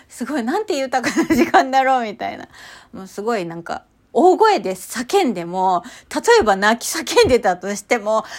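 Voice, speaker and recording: A woman talking casually and chattily about her walks and inner experiences, with many fillers and sudden excited outbursts. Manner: chatty, animated, bursts into high excited exclamations; many fillers, lots of sentence-final さ. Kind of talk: casual spiritual chat.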